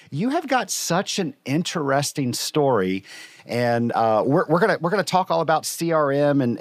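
Lively high-voiced male podcast host. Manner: upbeat, enthusiastic introductions. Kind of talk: podcast interview.

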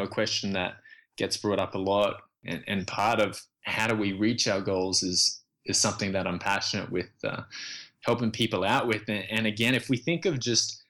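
A man's voice: lowish voice, a bit bright. A man in his thirties with an Australian accent, speaking as an interview guest and often hesitating and restarting as he talks. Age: 30s. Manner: hesitant, many restarts and fillers. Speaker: guest writer. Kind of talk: casual interview talk.

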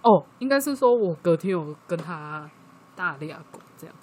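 Husky Taiwanese woman telling a story. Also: lowish voice, moderate pace. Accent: Taiwanese Mandarin. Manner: lively storytelling, acting out quoted dialogue. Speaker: podcast co-host. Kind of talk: casual chat.

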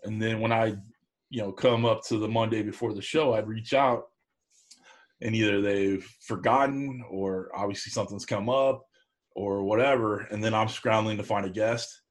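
Steady in tone and normal in speed, this man's voice sits on the low side. As an interview guest who co-hosts an online cooking show, he chats casually in the rambling, folksy, plain-spoken way of a show host.

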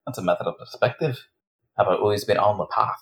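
A man's voice: fairly low pitch, fast, fairly bright tone. A man playing a tabletop game with casual in-character banter and a dry, sardonic manner.

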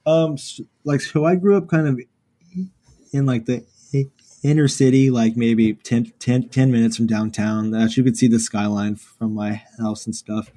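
Young male guest musician from Houston; relaxed, rambling delivery, warm mellow timbre. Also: mid-range voice, normal speed. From Houston, Texas, USA. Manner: laid-back, many fillers like "like" and "uh". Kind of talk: casual interview chat.

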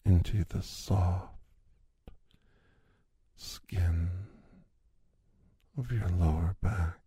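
A deep-voiced man talks in an unhurried, intimate murmur that keeps sinking into whispers. His tone is dark and mellow and his voice is husky and breathy. The recording is dry, with no room sound around him. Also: no echo. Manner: slow, soft, lingering delivery with long pauses; drifts between low voice and whisper. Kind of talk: intimate ASMR roleplay.

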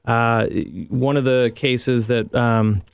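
A man's voice: mid-range voice, flat delivery, slow, clean tone, dry recording. A man, a regular financial planner on a radio show, explaining things thoughtfully with frequent restarts and dry humor.

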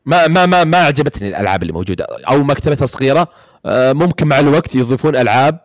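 A man with a Saudi Gulf Arabic accent chats casually about games, rambling with lots of fillers and restarts. His mid-range voice is expressive and racing, recorded with studio quality and no echo.

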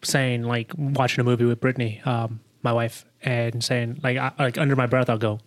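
A man's voice: medium pitch, level tone, moderate pace. A man hosting a casual podcast interview, chatty and asking loose, rambling questions. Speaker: podcast host.

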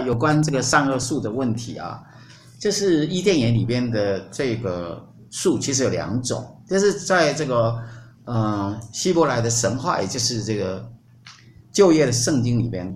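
A man hosting a podcast, retelling a myth in a lively, playful way. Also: mid-range voice, normal speed. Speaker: podcast host. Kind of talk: storytelling in casual chat. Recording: roomy recording with faint hum.

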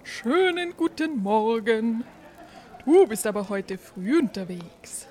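A woman voicing a rich, hot-tempered male innkeeper who talks in an excitable, pleading way. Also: fairly high pitch, takes it slowly, pitched above the performer's own voice. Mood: friendly.

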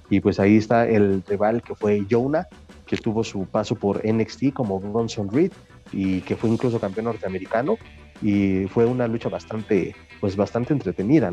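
A Mexican man giving casual wrestling commentary as a panelist, often pausing to search for his words. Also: on the low side, mellow. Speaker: podcast panelist.

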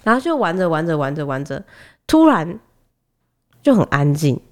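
A woman co-hosting a podcast, a mother telling a family story in an animated way, laughing often. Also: low voice, normal speed. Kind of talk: casual storytelling.

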